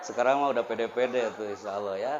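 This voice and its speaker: A man giving a religious motivational talk to students at a boarding school gathering, teasing them playfully and swinging into loud, dramatic storytelling. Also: lowish voice, fast, reverberant, a loud crowd. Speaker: motivational speaker. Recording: slightly dull with faint noise.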